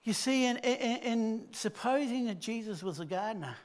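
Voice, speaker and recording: A man preaching a sermon, retelling a story and dropping from loud emphasis to hushed, low tones. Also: expressive, moderate pace.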